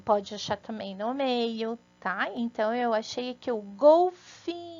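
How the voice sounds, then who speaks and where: Slow, patient Brazilian woman teaching children. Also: a little high, a little mellow, dull audio. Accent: Brazilian Portuguese. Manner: slow, patient and sing-song, with frequent "né?" and "tá?" checks. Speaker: first-grade teacher. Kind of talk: recorded remote lesson for young children.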